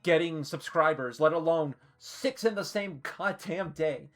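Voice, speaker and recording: A woman's voice: low voice, a little slow, soft background music. A woman live-streaming, chatting casually and swearing freely while she ranks costumes, hiccuping and a little flustered.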